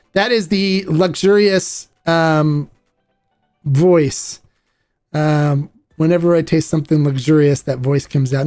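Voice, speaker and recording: A man's voice: on the high side, darkish tone. A man hosting a podcast, chatting in a rambling, enthusiastic and playful way. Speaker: podcast host. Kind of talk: casual chat.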